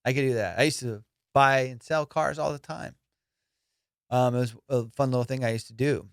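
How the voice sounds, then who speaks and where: Speaking at a moderate pace, a young podcast host and comedian uses a medium-pitched voice with vocal fry to tell boastful, profane stories casually, flaring into excited bursts. The recording is clean studio sound without room sound.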